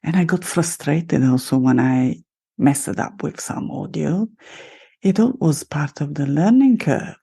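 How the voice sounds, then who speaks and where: With a low, dark, slightly rough voice that turns creaky, a middle-aged woman with an Italian accent talks alone to her podcast audience. A life coach, she is expressive, a little slow, and upbeat as she celebrates herself and addresses listeners directly.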